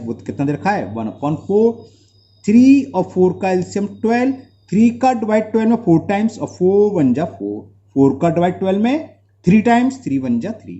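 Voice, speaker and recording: A man's voice: on the high side, warm tone, slight background noise. A man tutoring maths, stepping through worked solutions and asking and answering his own questions as he writes. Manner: talks while writing, asks and answers his own questions, mixes Hindi and English. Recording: dull lo-fi recording.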